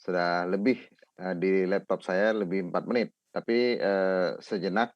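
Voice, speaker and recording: A man's voice: deep voice, fairly even intonation, a little slow, no echo. A man moderating a webinar over a video call, upbeat and giving brief praise. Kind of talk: hosting a webinar. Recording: dry, dull video call audio.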